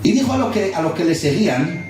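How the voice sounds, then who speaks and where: A man from Spain preaching a sermon, explaining slowly and repeating words for emphasis. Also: sits high, very animated, over music. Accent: Spain Spanish. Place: church hall. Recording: distant mic in echoey church hall.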